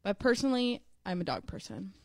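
A woman's voice: mid-range voice, sing-song, brisk, gravelly, a little mellow, no room sound. Chatty young woman telling stories. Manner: chatty storyteller, many fillers. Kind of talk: casual chat.

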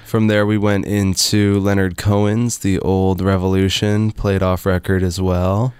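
A male radio host chats casually about music in a deep, smooth voice. His pitch stays flat. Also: measured pace, no echo. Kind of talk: casual on-air music chat.

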